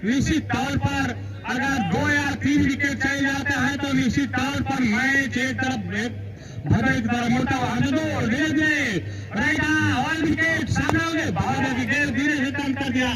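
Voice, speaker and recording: A man's voice: very high-pitched, low-quality recording. A man giving effusive live cricket commentary, often repeating stock phrases.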